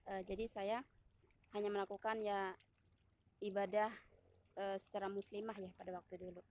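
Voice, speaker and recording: Speaking to viewers on her own channel, a woman from Indonesia in her thirties recounts a personal testimony casually and haltingly, with plenty of fillers and corrections of herself. Her voice is mid-range and darkish, and her delivery is flat.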